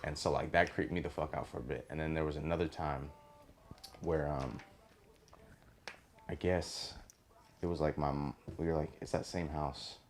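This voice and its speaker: Very deep gravelly young man. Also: steady tone, moderate pace, long pauses, slight background noise. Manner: rambling, heavy swearing and filler "like". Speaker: podcast host. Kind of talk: casual storytelling chat.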